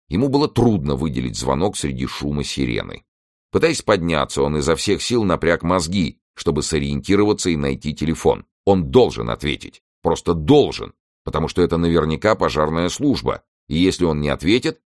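A man narrating an audiobook in a measured, expressive reading. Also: a bass voice, no echo, clean studio sound. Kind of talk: scripted narration.

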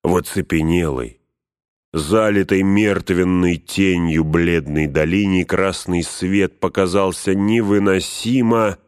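A man narrating an audiobook in a measured way, dropping to a hush for whispered speech. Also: low-pitched, steady tone, clear, resonant tone, no echo, studio quality. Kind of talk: audiobook reading.

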